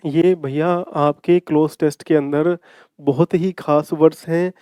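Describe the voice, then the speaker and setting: Brief: male grammar teacher, a little high and mellow, dry close sound, repeats points and quizzes the class. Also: fairly even intonation, unhurried, clear, resonant tone, dry recording. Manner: calls students "bhai". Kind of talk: exam-prep grammar lesson.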